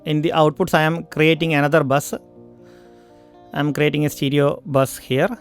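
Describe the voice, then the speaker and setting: A man with an Indian English accent explains audio routing step by step in a studio tutorial, stopping again and again to test his microphone. His voice sits somewhat high for a man, recorded on a studio mic with faint music in the background. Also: flat delivery, unhurried, creaky. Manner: talks through steps with frequent mic checks and fillers. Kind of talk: screen-recorded software tutorial.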